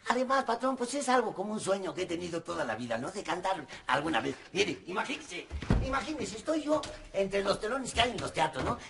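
An actor playing a chatty, cheerful male servant who tells rambling, animated stories. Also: high voice, gravelly, a little hiss or hum, full character voice. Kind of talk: telenovela acting.

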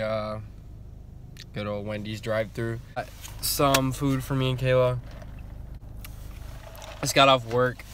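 A man's voice: medium pitch, a bit bright, slight background noise. A man in his twenties talks to his vlog in a casual, laid-back way. He speaks into a phone held at arm's length inside a car. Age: 20s. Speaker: vlogger.

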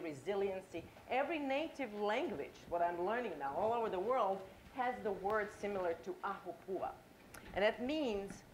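A Croatian-accented woman in middle age, originally from Croatia, presents at a conference in a lecture hall and keeps the room involved by questioning them. Her pitch is medium, and faint hiss or hum sits under the audio.

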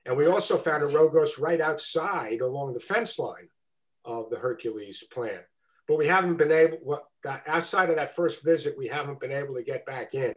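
Man, guest speaker, video call, slightly raised pitch, halting with ums and restarts. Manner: hesitant, with fillers and restarts. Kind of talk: answering questions on a video call.

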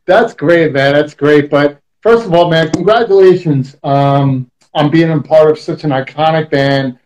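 A New York man in his thirties hosts with a chatty, joking manner. His voice sits a little higher than most men's and comes over a video call. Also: measured pace, darkish tone, low-quality recording. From Queens, New York. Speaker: talk show host. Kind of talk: casual interview chat.

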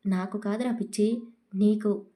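A woman's voice: medium pitch, steady tone, a little slow, dark tone, close to an everyday voice. A woman reading the lines of a stern, vengeful young husband in a storybook, speaking firmly and commandingly. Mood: cold. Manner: commanding, cold, firm.

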